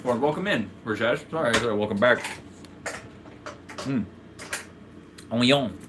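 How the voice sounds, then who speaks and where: A man's voice: medium pitch, expressive, normal speed, heavy background noise. A man hosting a casual cooking stream, rambling and joking as he chats. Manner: rambling, jokey. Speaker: streamer host. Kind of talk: casual chat.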